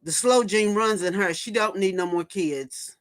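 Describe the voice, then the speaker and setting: A woman in her fifties hosts a casual livestream, chatting and gossiping as she reads viewer comments aloud and then reacts to them. Her voice sits in the mid-range and moves a little slowly.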